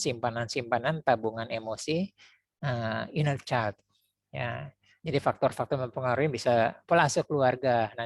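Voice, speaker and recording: A man's voice: mid-range voice, no echo. A man lecturing as an NLP trainer, talking through ideas with frequent hesitations and self-corrections. He sometimes slips into other people's voices to illustrate his points. The recording is dry and close. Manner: hesitant, many fillers and restarts; explanatory, acts out parents' voices. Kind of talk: spoken lecture.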